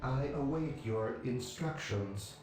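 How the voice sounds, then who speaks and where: A man voicing an obedient male cyborg servitor builder in a video game, his flat, dutiful replies run through an echoing machine filter. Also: medium pitch, slow. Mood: mechanical obedient. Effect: robotic echoing machine filter. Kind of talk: video game unit responses. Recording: heavy echo over game music.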